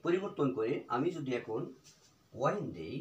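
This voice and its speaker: Man teaching slowly in an echoey room. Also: mid-range voice, big pitch swings, dull audio. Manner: slow repetitive drilling of example phrases. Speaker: English teacher. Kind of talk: spoken English lesson in Bengali.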